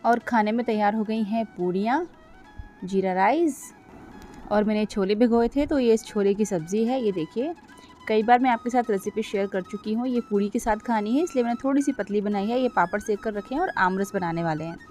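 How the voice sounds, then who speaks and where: A middle-aged woman narrates her cooking vlog in a chatty, step-by-step way, often turning to her viewers. Her voice is mellow and warm, with a medium pitch. Faint music plays behind her. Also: fairly quick. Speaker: cooking vlogger. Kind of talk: casual voice-over cooking vlog.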